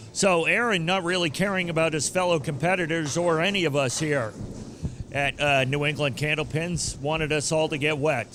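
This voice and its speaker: A man's voice: fairly high pitch, fairly bright tone. A man hosting a local sports show with casual, teasing interviews and jokey commentary. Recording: faint background noise.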